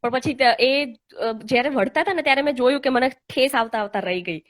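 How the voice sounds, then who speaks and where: Hosting a laid-back online live chat, a young adult woman shares a personal story with heartfelt sincerity and plenty of hesitant fillers. Her voice is high and a bit bright, and she talks a little fast. It comes through an online live call.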